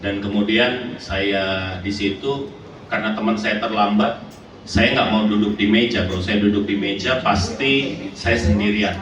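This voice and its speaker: A male pastor preaching a sermon, telling stories with lively energy and often asking the congregation to answer amen. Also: on the low side, measured pace, crowd noise. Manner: animated storytelling, often asks the congregation for amen. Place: church hall. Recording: echoey church hall, distant mic, background noise.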